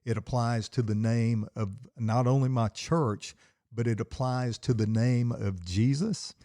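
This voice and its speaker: A man's voice: medium pitch, fairly even intonation, a little slow, warm tone, dry recording, clean studio sound. A middle-aged man, hosting a solo podcast from his basement and preaching with fired-up, emphatic repetition. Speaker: podcast host and pastor. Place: home basement.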